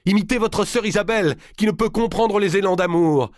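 A man's voice: lively intonation, no room sound, clean studio sound, close to an everyday voice. A man voicing a furious, scornful young noblewoman. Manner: shouting high and fast, biting insults.

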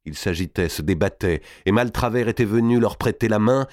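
A man reading a historical novel aloud in a dramatic, measured narration. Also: lowish voice, a little mellow, no room sound, clean studio sound.

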